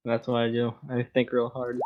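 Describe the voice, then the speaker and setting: A man's voice: mid-range voice, completely flat delivery, normal speed, a crowd in the background. A man talking casually as a player in a tabletop roleplaying game. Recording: dull narrow sound, music behind.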